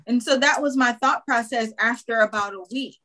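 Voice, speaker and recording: A woman's voice: fairly high pitch, moderate pace, sharp tone. A woman singer speaking in a casual interview, reflective and earnest, with lots of fillers. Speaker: singer, artist guest.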